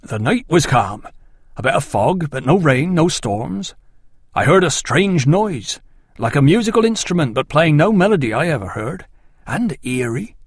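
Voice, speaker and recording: A man voicing an earnest, excitable male farmer who speaks with awe. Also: on the high side, moderate pace, breathy edge, no room sound, studio quality, full character voice. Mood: awed. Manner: eager, awed, excitable.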